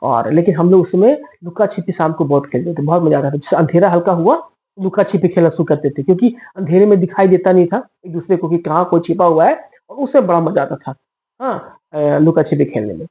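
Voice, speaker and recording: A woman's voice: fairly low pitch, a little fast, dark tone, rough recording. A woman telling a personal story in casual conversational style, chatty with fillers and asides to her listeners.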